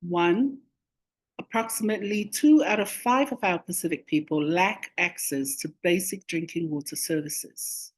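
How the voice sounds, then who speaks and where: A woman delivering a formal, measured welcome address as a chairperson. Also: on the low side, poor audio. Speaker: government chief executive and task force chair. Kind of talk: formal prepared welcome speech.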